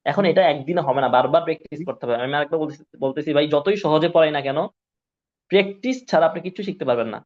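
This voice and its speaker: A man's voice: a little high, fast talker. Encouraging male Quran teacher, dull recording. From Bangladesh. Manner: drills syllables, keeps asking if students follow. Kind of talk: classroom lesson. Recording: dull lo-fi sound.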